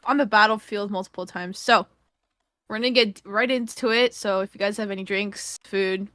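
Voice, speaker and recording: A woman's voice: mid-range voice, steady tone, normal speed, sharp tone, dry recording. A woman esports caster interviewing guests on a podcast, upbeat and easygoing. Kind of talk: casual interview.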